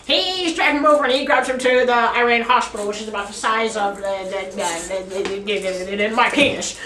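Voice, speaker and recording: Filmed from across an echoey classroom by a distant camera, a teenage girl makes up a rambling, nonsensical story and keeps breaking into giggles. Her female voice is fairly high and a little fast, with noise in the background.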